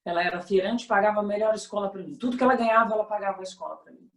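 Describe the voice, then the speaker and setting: A woman's voice: medium pitch, very fast, echoey room. A woman with a Brazilian Portuguese accent giving a motivational talk as guest speaker, telling stories expressively and acting out the voices of the people in them. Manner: expressive storyteller, acts out quoted voices.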